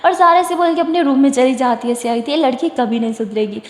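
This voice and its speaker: A woman narrating a romance story in a lively storytelling manner. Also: sits high, a little fast. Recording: echoey room with long reverb.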